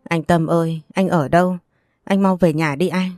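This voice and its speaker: A woman's voice: on the low side, steady tone, moderate pace, darkish tone, no echo, studio quality, natural voice. A woman voicing a distraught aunt who laments and begs for help in a read-aloud story. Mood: pleading. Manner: pleading, lamenting. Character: distraught aunt, wailing and pleading.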